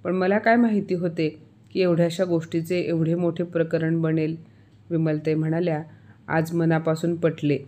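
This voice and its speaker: A woman narrating a scripted family story, reading every character's lines in one steady voice. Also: on the low side.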